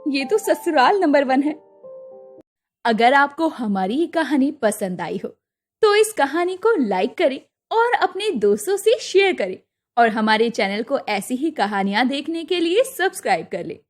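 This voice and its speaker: A woman narrating a moral story for a cartoon in even, simple storytelling. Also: high voice, moderate pace, faint music behind.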